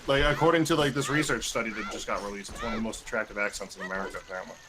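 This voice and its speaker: A man with a Boston accent chatting casually while streaming a video game, excitable and joking. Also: fairly low pitch, racing, very noisy. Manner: excitable, jokey, exclaims when in danger. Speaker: streamer playing a randomizer game. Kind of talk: casual gaming chat. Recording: game music behind. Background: game music.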